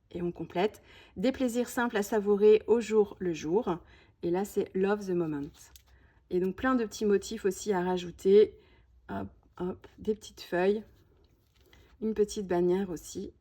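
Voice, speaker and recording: A woman's voice: medium pitch, normal speed, mellow. A woman presenting a scrapbooking collection in a casual show-and-tell, chatty and full of small "hop" and "voilà" asides. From France. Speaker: scrapbooking video host.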